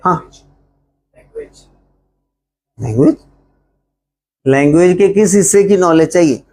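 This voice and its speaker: A man with a Punjabi accent teaching English to a live gathering in a relaxed, joking way. He asks the class questions, answers them himself, and slows right down to spell out English phrases. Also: high-pitched.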